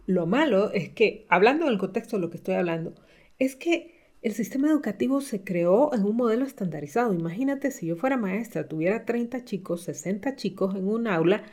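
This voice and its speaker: A middle-aged woman coach giving a motivational talk, speaking with lively, emphatic swings up in pitch. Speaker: leadership coach.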